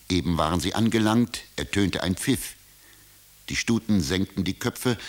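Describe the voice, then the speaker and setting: A man narrating a fairy tale from a script as a storyteller. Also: deep voice.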